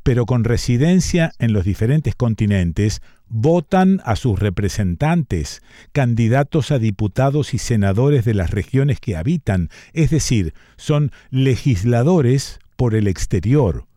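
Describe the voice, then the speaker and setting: Man, radio host, mellow voice, dry close sound. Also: medium pitch, lively intonation, measured pace, no room sound. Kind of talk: interview.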